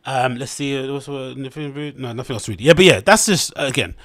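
A man's voice: mid-range voice, fast talker, a bit bright, dry recording, studio quality. A young man with a London accent, hosting his podcast and giving blunt, rambling commentary on a news article, with lots of fillers and restarts. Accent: London English. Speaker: podcast host.

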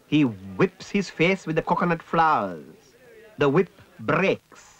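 A man narrating a ritual in a measured, descriptive way. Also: a little high, sing-song, fairly bright tone, husky.

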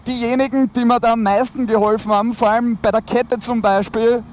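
Male Austrian motovlogger, high-pitched, casual colloquial chat, enclosed helmet sound with some traffic noise behind. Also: steady tone, fairly quick. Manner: colloquial, slangy. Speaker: motorcycle vlogger. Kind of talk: casual chat to viewers while riding. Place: inside a motorcycle helmet, riding outdoors on a motorway. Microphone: helmet-mounted mic. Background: motorcycle and traffic noise.

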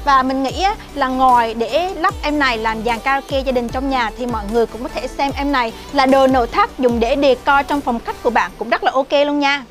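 A woman with a high, bright voice presents a product review for a shop. Her delivery is upbeat and chatty, the friendly patter of a salesperson. Faint music plays quietly behind her. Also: fairly quick, few pauses. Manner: chatty, friendly sales talk with frequent "nè" and "nha".

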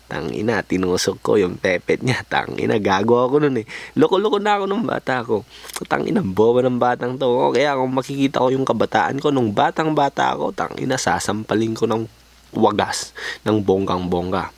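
A man's voice: mid-range voice, normal speed, creaky, no room sound. A young man from the Philippines telling his life story over drawings in a crude, joking way, swearing a lot and slipping into English slang. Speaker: vlogger.

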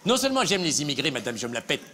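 A man's voice: a little high, very animated, rapid-fire, sharp tone. A male comedian in a live stage sketch, playing a smug, patronizing politician who repeats himself. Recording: live theatre with audience laughter.

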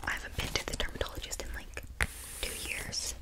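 A young woman whispering breathily in a rambling ASMR style very close to a condenser mic, often repeating words. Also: brisk. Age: young adult. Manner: repeats words in trailing strings. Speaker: ASMR video creator. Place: small bedroom indoors. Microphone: large desktop condenser mic, very close.

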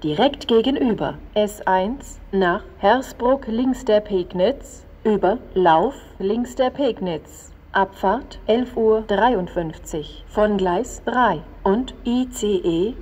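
On a train station PA with plenty of echo, a woman reads automated platform announcements from a script in a standard German accent. Her mid-range voice is neutral and measured, moving in segments, while station sounds remain clearly audible.

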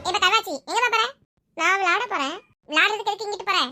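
Woman doing a pushy big brother, loud and high, demanding. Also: quick pace, faint music behind, full character voice.

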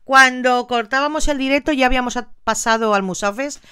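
An older woman from Valencia, Spain, hosts a casual live stream, greeting viewers by name and reading their comments in a chatty, affectionate way. Her high-pitched voice is fairly quick and sharp yet clean, captured with clean studio sound and no echo.

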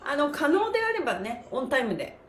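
A woman with a high voice talks fast while hosting a livestreamed stretching class, alternating upbeat exercise cues with casual chat for her viewers. She's a pantomime performer whose manner is cheerful, energetic, and politely presenter-like. The audio carries a roomy echo plus a bit of background noise.

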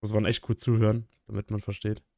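A man's voice: fairly low pitch, completely flat delivery, fast talker, gravelly, darkish tone, dry recording, clean studio sound. A man in his thirties commenting casually on a video as a reaction host, slangy and offhand. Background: faint music from the watched show.

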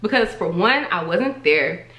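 A woman's voice: lowish voice, expressive, measured pace, sharp tone, roomy sound. A young woman, giving her opinion in a chatty, emphatic vlog and repeating herself for stress. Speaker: vlogger.

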